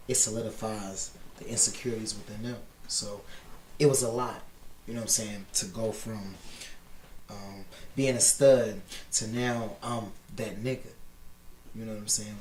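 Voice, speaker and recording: A man in his thirties from Chicago, a podcast guest talking candidly in a relaxed interview. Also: fairly low pitch, reverberant, slight background noise. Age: 30s. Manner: candid and animated, often says "you know what I'm saying". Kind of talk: casual interview talk.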